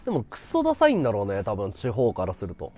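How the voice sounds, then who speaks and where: The Chiba man's voice is low-leaning and mellow, yet his pitch swoops wildly as he talks fast, with faint music behind him. He rambles through a casual chat with his live-stream audience, laughing at his own stories.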